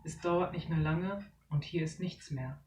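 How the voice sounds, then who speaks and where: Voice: medium pitch, a little slow, darkish tone, lightly acted. Narrator doing a wary fish dad from a storybook, distant and roomy. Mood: uneasy. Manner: uneasy, warning. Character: uneasy adult male fish, a father.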